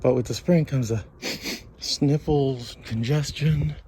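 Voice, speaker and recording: A playful, rambling vlogger talks through a walk around town, unhurried and easygoing. The voice is mellow and soft-edged, with a faint hum of the outdoors behind it on a handheld phone recording. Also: medium pitch. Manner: chatty, playful, rambling, sings little ditties. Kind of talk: casual walking commentary.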